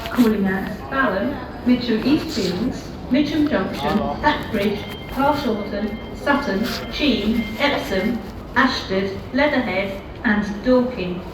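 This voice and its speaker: A woman's recorded voice making train station announcements over a platform loudspeaker in a measured, even announcer manner. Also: a little high. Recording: echoey loudspeaker heard from far off, loud station noise. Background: trains and station ambience.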